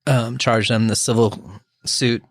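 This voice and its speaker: A man's voice: medium pitch, steady tone, slow pace, no echo. Opinionated male podcast host. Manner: chatty, opinionated, asks long-winded questions. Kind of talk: conversational interview.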